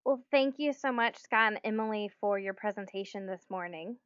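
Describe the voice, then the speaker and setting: A woman's voice: medium pitch, normal speed, fairly bright tone, clear, resonant tone. Woman, webinar moderator, polite, some hesitation, dull recording. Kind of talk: reading audience questions.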